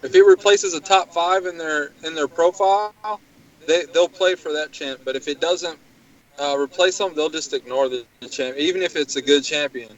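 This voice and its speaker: A man's voice: fairly high pitch, normal speed. A man talking casually as a co-host on a gaming show. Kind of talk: casual chat. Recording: dull lo-fi voice chat audio.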